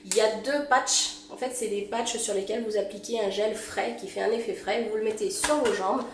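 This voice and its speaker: A woman's voice: medium pitch, steady tone, normal speed. A woman in a casual unboxing review, chatty, with many fillers and self-corrections. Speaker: beauty vlogger. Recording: echoey room, faint hum.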